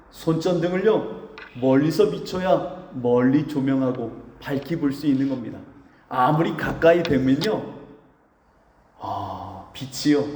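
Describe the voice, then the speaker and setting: A man preaches a sermon in a church sanctuary. His voice sits a little high and mellow, and it rings around a roomy hall with a long tail of reverb. He preaches with emphasis and slips into short acted exchanges of dialogue. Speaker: pastor.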